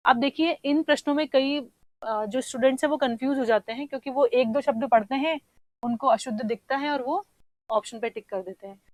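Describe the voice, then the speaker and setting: High-voiced woman teaching exam Hindi. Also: dry recording, rough recording. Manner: explains patiently, checks in with "theek hai"; sounds words out slowly to show the spelling. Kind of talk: exam paper discussion.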